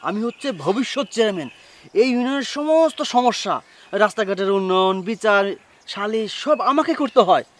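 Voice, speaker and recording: Brief: high-pitched, rapid, pompous village playboy played by a man, music behind. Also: lively intonation. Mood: boastful. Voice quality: loud, pompous and fast-talking. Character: boastful young village chairman's son, womanizer. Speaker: chairman's son. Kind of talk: village comedy drama acting.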